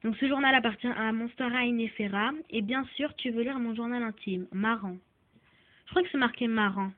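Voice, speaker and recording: Woman, casual toy reviewer, fairly high voice, halting and filler-heavy, tinny phone-line sound. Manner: hesitant, many fillers and restarts. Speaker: doll reviewer.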